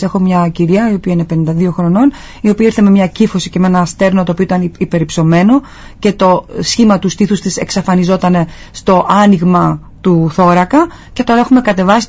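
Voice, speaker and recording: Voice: medium pitch, darkish tone. A guest on a talk show explaining posture and treatment, earnestly advising listeners. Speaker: guest physiotherapist. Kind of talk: explanatory interview answers. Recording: dull lo-fi sound.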